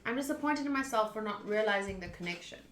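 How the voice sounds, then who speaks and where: A woman streams a visual novel, reading its narration aloud and reacting casually, with game music in the background. Her medium-pitched, fairly bright voice is animated and fast, on a roomy, echoing voice track.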